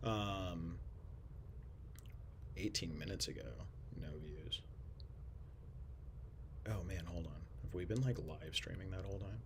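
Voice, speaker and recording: A young man with a low voice hosts a casual podcast from a shared office. He keeps things hushed and quiet, rambling along with lots of fillers. Faint noise sits under his voice. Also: slow, long pauses. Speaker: podcast host.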